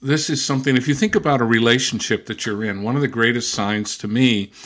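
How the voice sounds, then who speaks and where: An older man speaks as an interview guest, telling stories in a reflective, anecdotal way. He tends to slip into a loud, lecturing professor's voice. His pitch sits in a typical middle range for a man. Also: fairly quick. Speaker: guest, professor and former missionary. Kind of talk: conversational interview storytelling.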